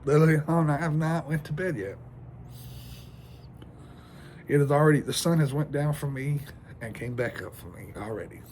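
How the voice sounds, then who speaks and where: A man's voice: on the high side, moderate pace, long pauses, darkish tone, slight background noise. A man venting in a rambling, stressed vlog monologue, sleepless and shivering outdoors in the cold, swearing a lot. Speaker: vlogger.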